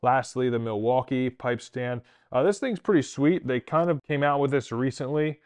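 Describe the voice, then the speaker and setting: Welder guy in his 30s giving a shop tool tour, smooth clear voice, middle pitch, plain practical talk. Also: normal speed, darkish tone. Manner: plain practical explaining, matter-of-fact. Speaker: traveling TIG welder and channel host. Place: indoor workshop.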